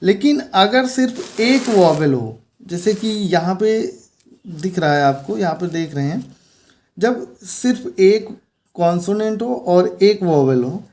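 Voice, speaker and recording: A man's voice: high-pitched, lively intonation, a little slow, a little mellow. A man teaching an English grammar lesson, explaining patiently and repeating key words as he points things out on a board.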